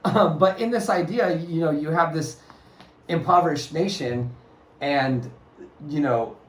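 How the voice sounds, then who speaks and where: A man chats through a film review in an earnest, meandering way. His voice sits a little high, and he restarts thoughts as he works them out. The room around him rings with noticeable echo. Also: a little slow. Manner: earnest, discursive, restarts phrases often. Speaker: podcast co-host. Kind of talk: casual movie review chat. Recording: roomy echoey room sound.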